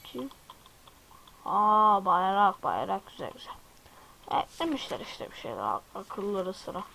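A man's voice: sits high, big pitch swings, measured pace, vocal fry, bright, forceful tone, poor audio. Jumpy young-sounding gaming host, man. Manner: chatty, jumpy, exclaims at surprises and addresses viewers. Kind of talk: casual let's-play commentary.

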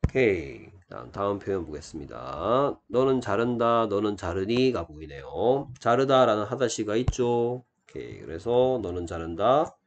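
A man teaching an English grammar lesson step by step, asking rhetorical questions and slowing down to model sample sentences. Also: fairly low pitch, big pitch swings, lo-fi sound, slight background noise.

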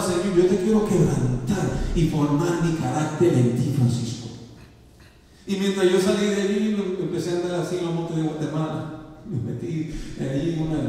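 A man's voice: on the high side, dark tone. A male pastor preaching a sermon to his congregation, asking them for amens and acting out the voices in his story. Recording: echoey hall, voice from far off.

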